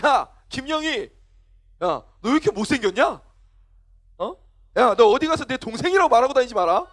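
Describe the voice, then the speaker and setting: A sulky, rude teenage boy, put on by a male preacher, with a very high, whiny voice that swoops up and down. He snaps loudly and indignantly at his family. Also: very animated, normal speed, exaggerated voice. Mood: mocking. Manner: whiny, loud, indignant outbursts.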